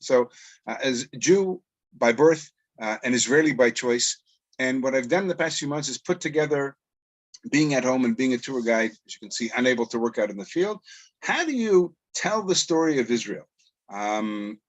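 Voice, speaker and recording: A middle-aged Canadian man, a tour guide and educator, gives a chatty lecture over a video call in a medium-pitched voice. He is self-deprecating and keeps posing rhetorical questions. The audio quality is poor.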